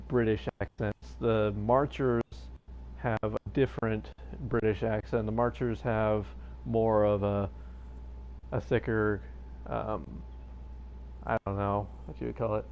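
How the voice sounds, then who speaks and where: Fairly low and gravelly, this man's voice comes through muffled with a bit of hiss or hum. He's streaming a game and chatting casually, hesitant and full of fillers and restarts, into his own plugged-in streaming mic.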